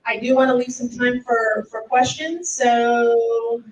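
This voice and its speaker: Standing at a podium, a middle-aged public defender from Mexico gives a speech in English and answers questions from the audience. Her voice is slightly high, earnest and persuasive, delivered slowly in a level tone. She's picked up from a distance, so the audio echoes and carries faint room noise.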